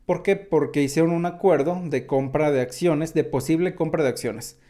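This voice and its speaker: A man's voice: fairly high pitch, moderate pace, mellow. A man with a Mexican accent, chatting casually through tech news and drifting into asides. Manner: chatty, digressive, many fillers like "o sea".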